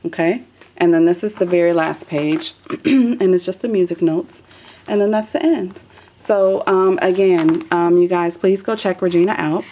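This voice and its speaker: This casual craft walkthrough features a woman with a lowish, mellow voice speaking at a moderate pace. She shows her work at a table, chatting loosely and filling gaps with many ums.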